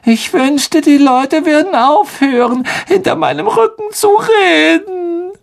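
A reader voicing a sulky, weepy teenage ghost girl in a very high, tearful, drawn-out whine. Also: a little mellow, natural voice. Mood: wailing. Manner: self-pitying, drawn-out whining. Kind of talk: audiobook reading.

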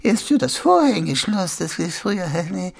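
A man's voice: high-pitched, big pitch swings, normal speed, gravelly, voice pushed up, full character voice. A man voicing a tiny, doll-like old woman shopkeeper who stammers and fumbles through her words. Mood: flustered. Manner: hesitant, stammering with many ums.

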